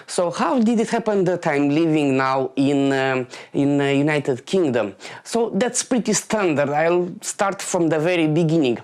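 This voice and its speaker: A man in his late twenties from Moldova, delivering a halting stand-up comedy monologue full of fillers and restarts. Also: fairly high pitch, expressive, a little mellow.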